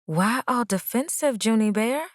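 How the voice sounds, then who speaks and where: A woman's voice: fairly low pitch, expressive, moderate pace, no room sound, studio quality, natural voice. A woman voicing a nosy young female cousin in an audiobook, with playful, sly teasing.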